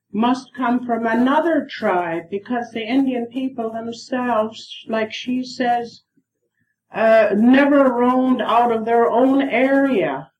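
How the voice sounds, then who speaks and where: A woman's voice: a little high, highs cut off. A woman interpreting in an interview, hesitant and full of fillers, heard on old worn tape. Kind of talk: casual spoken translation. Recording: worn 1970s tape with faint hiss.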